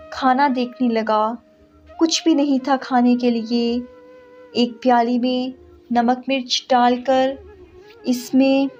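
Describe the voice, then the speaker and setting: A woman narrating a story in the first person, emotional and measured. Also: high voice. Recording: slightly dull audio with soft music.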